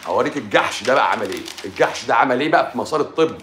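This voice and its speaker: A middle-aged man with an Egyptian Arabic accent delivers an animated medical talk. He sounds mocking and emphatic, and his colloquial speech is studded with English terms. His mid-range voice rings in an echoey room. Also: medium pitch, racing, a little hiss or hum. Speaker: doctor giving a health talk. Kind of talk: animated lecture.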